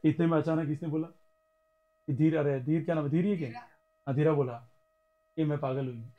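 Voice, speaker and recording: A man's voice: on the high side, fairly even intonation, fairly quick, muffled recording. A man with an Indian accent teaching a classroom revision lesson, playfully quizzing and teasing his students as he goes.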